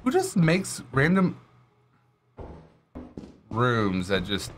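A man's voice: mid-range voice, huge pitch swings, drawn-out words, slight background noise. A man hosting casual gameplay commentary, chatty and thinking aloud as he plays. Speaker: gaming channel host.

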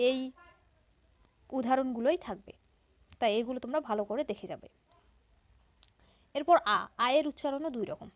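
A high-voiced woman teaching a school grammar lesson. She explains patiently and step by step. She says each example word slowly and repeats it.

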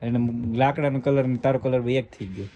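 Fast-talking young man vlogging. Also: mid-range voice, lo-fi sound, a little hiss or hum. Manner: chatty, addresses viewers directly. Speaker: family vlogger. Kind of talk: casual vlog talk to viewers.

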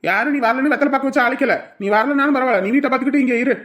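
A woman playing a dutiful village man, firm, reassuring and quick to anger. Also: high voice, a bit bright. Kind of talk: village drama acting.

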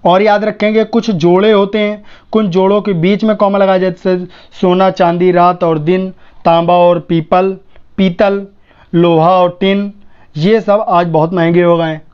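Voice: mid-range voice, flat delivery, measured pace, clear, resonant tone. Teacher explaining grammar, dull lo-fi sound. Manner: repeats "ठीक है" and "देखिए", points to examples on a page. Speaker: shorthand teacher.

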